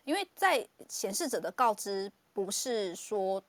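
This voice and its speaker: A woman hosting a casual chat on a live audio stream. She talks quickly and animatedly and laughs often. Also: medium pitch, dry recording. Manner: fast, animated, laughs often, many fillers. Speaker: podcast host.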